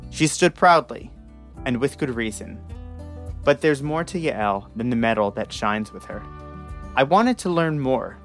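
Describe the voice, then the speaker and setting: A man in his twenties, a podcast host, giving a reflective scripted narration with measured, dramatic pauses and then interviewing a guest. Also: medium pitch, a bit bright. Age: 20s.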